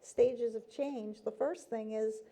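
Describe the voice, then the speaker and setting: Speaking slowly in a slightly high, mellow voice that is steady and creaky, a woman from a nonprofit sits in as a talk show guest. It's a casual interview chat, and her earnest explanations are dotted with frequent "um"s and "you know"s.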